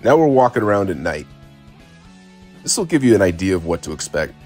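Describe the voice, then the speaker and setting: With a low, darkish voice and a sing-song lilt, a laid-back travel vlogger around forty narrates fairly quickly and informally. Faint music plays in the background. He's out on town streets and a beach, holding his phone at arm's length.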